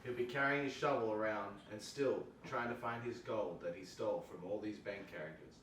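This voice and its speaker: A man's voice: fairly low pitch, fairly quick, a bit bright, far from the mic, natural voice. A man playing a casual, slangy guy telling a spooky tale to friends at an amateur script table read. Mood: storytelling. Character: casual male storyteller spinning a spooky cemetery tale to friends. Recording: roomy, off-mic, faint noise.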